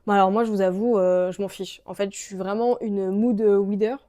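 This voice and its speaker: A woman's voice: mid-range voice, fairly even intonation, normal speed, dark tone. A young woman with a French accent, chatting casually to camera about books as a vlogger, gushing and full of fillers. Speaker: book vlogger.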